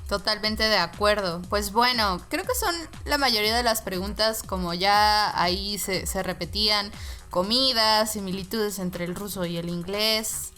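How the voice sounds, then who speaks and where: A woman hosting a podcast, agreeable and quick, chiming in with "claro" often. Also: mid-range voice, bright, forceful tone, faint music behind. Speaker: podcast host. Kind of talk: casual chat.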